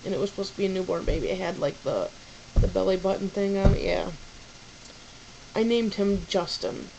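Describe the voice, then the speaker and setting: A woman's voice: mid-range voice, a little fast, creaky, background noise. A young woman vlogging about baby names in a rambling, casual way, full of fillers and restarts.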